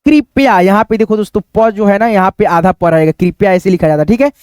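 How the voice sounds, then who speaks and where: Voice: medium pitch, fairly quick, darkish tone, smooth, no room sound, clean studio sound. A reading teacher, giving a chatty read-aloud lesson and drawing out syllables.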